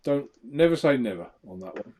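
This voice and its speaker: A man's voice: medium pitch, expressive, a little fast, dark tone. A man co-hosting a casual live vape show, reading out viewer comments and laughing often. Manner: chatty, laughs often, trails off into mumbles.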